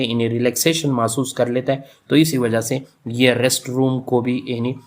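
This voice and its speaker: A male professor, explaining a lesson slowly in speech mixed with English terms, with frequent fillers. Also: medium pitch. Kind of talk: lecture on English literature.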